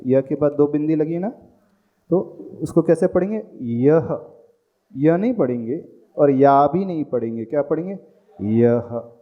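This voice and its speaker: Slow, patient man teaching verse pronunciation. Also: a little high, warm tone. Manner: patient, drills pronunciation syllable by syllable. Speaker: Jain monk teaching scripture recitation. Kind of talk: slow recitation lesson with chanted verses.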